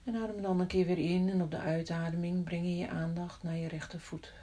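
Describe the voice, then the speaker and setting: A woman guiding a body-scan meditation in a soft, often whispered voice, slow and calm with long pauses. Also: lowish voice. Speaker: meditation guide.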